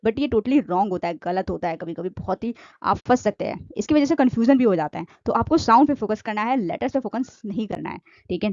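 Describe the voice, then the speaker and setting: A woman's voice: fairly high pitch, a little mellow, no room sound, highs cut off. A woman teaching grammar, asking questions and answering them herself, repeating each point. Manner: repetitive, asks and answers own questions. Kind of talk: explanatory grammar lesson.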